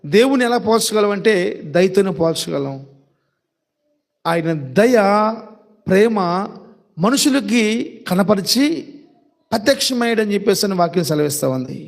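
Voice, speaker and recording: A man with a high voice preaching a sermon. He fires off rhetorical questions and repeats them, slowing down to stress key words. He speaks to his listeners directly and fondly. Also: lively intonation, vocal fry.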